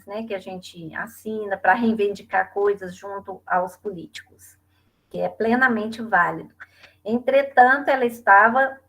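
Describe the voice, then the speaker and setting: A middle-aged woman with a Brazilian Portuguese accent gives an online grammar lesson. Her voice sits a little high, and she explains step by step. She often tags her sentences with a question to keep her students with her. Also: a bit bright. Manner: explanatory, frequent tag questions. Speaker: teacher. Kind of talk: online class lecture.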